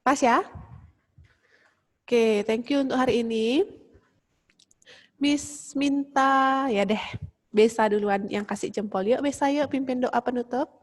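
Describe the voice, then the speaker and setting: A woman's voice: fairly high pitch, steady tone, slow pace, long pauses. A woman teacher wrapping up an online class over a video call in a friendly way, mixing in English phrases.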